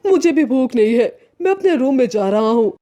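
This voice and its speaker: A woman's voice: on the high side, expressive, brisk, dark tone, close to an everyday voice. A woman voicing curt adult men of the family in a cartoon story.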